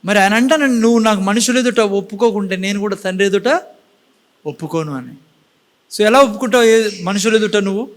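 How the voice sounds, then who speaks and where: A man with a high voice gives a lively sermon in a church. He keeps asking the congregation questions and drops words into his preaching. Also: fairly quick. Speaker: pastor.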